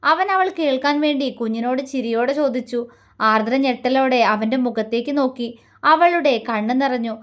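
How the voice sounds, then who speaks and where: A woman storyteller reading a romance story aloud in a steady, plain way. Her voice sits high. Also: moderate pace.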